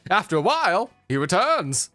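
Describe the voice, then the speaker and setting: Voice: medium pitch, very animated, normal speed, bright, forceful tone, soft background music. A streamer narrating a dating game aloud, playful and cursing in asides.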